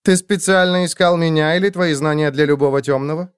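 A man's voice: fairly high pitch, fairly quick, smooth, no room sound, clean studio sound, pitched above the performer's own voice, close to an everyday voice. A man voicing a gracious, formal noble elf woman. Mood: courteous. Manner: courteous, formal.

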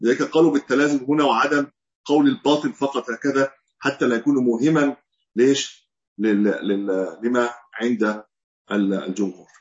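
Fast-talking Egyptian man teaching. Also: mid-range voice, lo-fi sound. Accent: Egyptian Arabic. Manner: reasons aloud, posing and answering his own questions. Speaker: Islamic scholar teaching hadith. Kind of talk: religious lesson.

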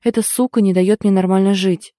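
A woman voicing a remorseful young man in an audiobook, speaking softly and apologetically. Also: mid-range voice, fairly even intonation, brisk, dry recording, studio quality, lightly acted. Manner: soft, apologetic. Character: guilty young man, soft-spoken and remorseful.

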